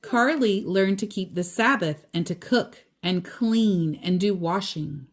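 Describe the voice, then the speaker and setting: A woman with a mid-range voice acts as storyteller for a children's book. She reads deliberately, leaving pauses between short phrases and adding casual asides.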